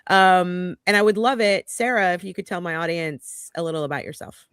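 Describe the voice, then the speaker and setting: An American woman hosts a live news talk stream from a home video call, her voice fairly low, smooth, and a little fast. She is chatty and warm with her greetings, full of ums and restarts. The recording is dry and studio quality.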